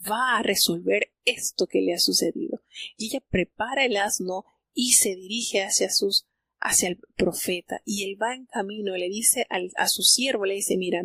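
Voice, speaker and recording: A woman with a gravelly, creaky voice gives a live Bible commentary. She retells the passage as a story and voices the characters' lines without hurrying. The sound is dry and close, with no room echo. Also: medium pitch, fairly bright tone. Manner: retells scripture as a story, quoting characters' dialogue; unhurried, with frequent fillers and restarts. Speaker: Bible teacher.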